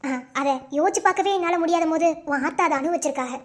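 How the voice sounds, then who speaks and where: A gentle, soft-spoken mother-in-law in a cartoon, as a woman puts her on. She talks with a Madurai accent in a lower, earnest, reassuring tone. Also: quick pace. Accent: Madurai Tamil. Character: calm middle-aged mother-in-law, gentle and accepting.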